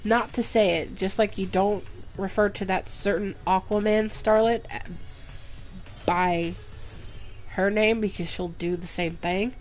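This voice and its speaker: A woman's voice: mid-range voice, steady tone, darkish tone. A woman game streamer chatting casually and gossiping while she plays. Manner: chatty, gossipy, slow-spoken. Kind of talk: casual chat while playing. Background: faint game music.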